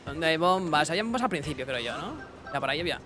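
A young man giving casual let's-play commentary, excitable, talking to himself and his chat with bursts of yelps. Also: fairly high pitch, fast. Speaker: gaming streamer.

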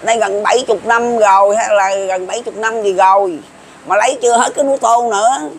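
A man's voice: high voice, a little fast, a little hiss or hum. A man in his seventies with a Southern Vietnamese accent, talking to viewers in a rambling, folksy way and repeating himself. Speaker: folk prophecy commentator. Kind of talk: casual monologue to viewers.

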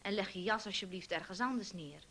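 A woman's voice: medium pitch, a little fast, fairly bright tone, a little hiss or hum, natural voice. A woman voicing a grumpy housewife who snaps and grumbles, reading a children's story. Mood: grumbling. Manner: snapping and grumbling. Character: grumpy housewife, snappish, sulky.

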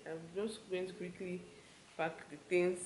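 A woman's voice: fairly low pitch, a little slow. A young Nigerian woman with a Nigerian accent, chatting casually to her camera in a hotel room. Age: young adult. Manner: chatty and relaxed, loose run-on talk. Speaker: vlogger. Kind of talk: casual vlog talk to camera. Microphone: handheld camera mic at arm's length. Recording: roomy with clear background noise.

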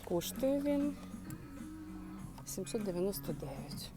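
A woman's voice: medium pitch, sing-song, takes it slowly, music in the background. A woman chatting to her viewers while browsing a clothing and home goods store, thinking aloud in a casual shopping vlog. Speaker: shopping vlogger.

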